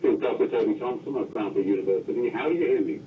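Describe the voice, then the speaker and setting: A man hosting a live event, his call-sign phrasing relayed back over a space-to-ground radio loopback in a measured, formal protocol. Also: fairly low pitch, slightly rough, narrow, tinny audio. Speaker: event host. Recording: distant echoey radio line with loud hiss.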